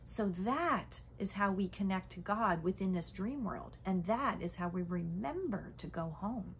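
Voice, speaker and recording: Soft-spoken woman teaching, chatty check-ins. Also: medium pitch, lively intonation, unhurried, slight background noise. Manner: conversational, frequent "okay?" and "right?" check-ins; drops to a soft whisper at times. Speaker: spiritual teacher. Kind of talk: casual spiritual teaching talk.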